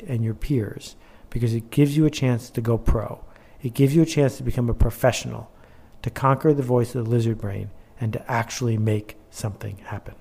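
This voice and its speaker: A man of ordinary pitch gives a motivational instructional talk about his own workbook. He builds his points through repetition and pointed rhetorical questions, speaking with steady emphasis.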